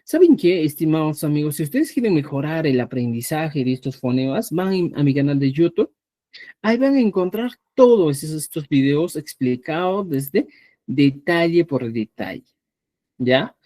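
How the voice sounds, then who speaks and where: A man from Peru teaching a live online language class, patiently repeating words slowly so students can hear the pronunciation. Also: a little high, big pitch swings, mellow, dry recording. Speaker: Quechua teacher.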